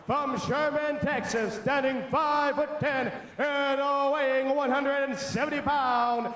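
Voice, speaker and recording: A man working as a ring announcer, giving formal fight introductions in a drawn-out, theatrical delivery. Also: very high-pitched, steady tone, a bit bright. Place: large indoor arena. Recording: echoey arena PA, distant, faint noise.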